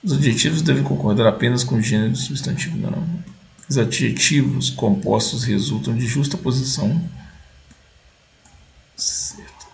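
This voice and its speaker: A man's voice: mid-range voice, a little fast, gravelly, a little mellow, slight background noise. A man, casually walking through exam questions, reading them aloud and checking each answer as he goes. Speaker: exam-prep video host.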